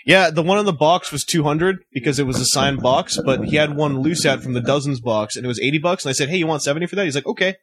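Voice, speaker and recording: A man co-hosting a casual podcast chat, excitable and rambling, laughing often. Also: fairly high pitch, quick pace, few pauses. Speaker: podcast co-host.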